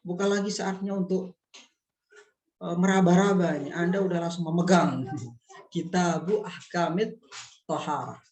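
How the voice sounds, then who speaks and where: A man teaching a class in a relaxed, reassuring way, working through examples with rhetorical questions. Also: sits high, normal speed, pauses often, slight background noise. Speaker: lecturer. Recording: echoey room.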